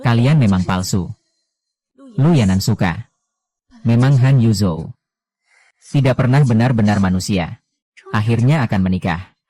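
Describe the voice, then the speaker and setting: Low, dark-voiced man reading drama lines. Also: moderate pace, long pauses. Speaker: voice-over reader of a drama. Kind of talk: dubbed drama dialogue read by one voice.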